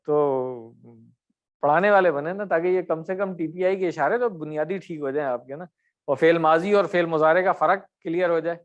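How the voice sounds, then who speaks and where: Man, high-pitched teacher voice, corrective, quizzing students, online class. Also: highs cut off. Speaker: Arabic grammar teacher.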